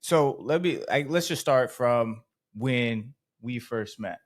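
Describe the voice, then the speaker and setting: A man's voice: mid-range voice, expressive, takes it slowly. Host: man in his mid-range voice, chatty, laughs often. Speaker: podcast host. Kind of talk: casual chat.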